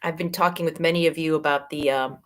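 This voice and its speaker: A middle-aged woman with a Midwestern American accent gives a spiritual teaching talk. Her voice sits a little low and stays gentle. She is unhurried and stretches out the words that matter. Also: fairly even intonation. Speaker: yoga teacher.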